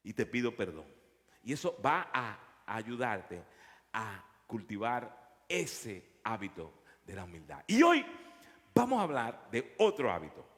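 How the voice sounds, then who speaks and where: Pastor, storytelling sermon, lively pitch, reverberant church hall. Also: male voice, slow pace. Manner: storytelling, animated, repeats words.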